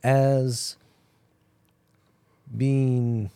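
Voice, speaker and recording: A man's voice: medium pitch, little pitch movement, extremely slow, warm tone, smooth, no room sound. A man from the United States co-hosting a casual podcast, asking curious questions. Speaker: podcast co-host. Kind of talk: casual chat.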